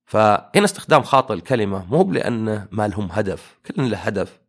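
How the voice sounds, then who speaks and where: Fast-talking man with a gravelly voice. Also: lowish voice, big pitch swings, fairly bright tone. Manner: rambling, argumentative, many fillers. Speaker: commentator. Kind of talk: casual monologue.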